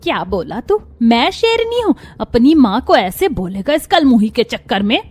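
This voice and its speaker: A woman's voice: fairly high pitch, big pitch swings, moderate pace, a little mellow, slightly rough. A woman voicing a cruel middle-aged mother-in-law in a cartoon, harsh and taunting, over faint music. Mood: scolding. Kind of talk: cartoon voice acting.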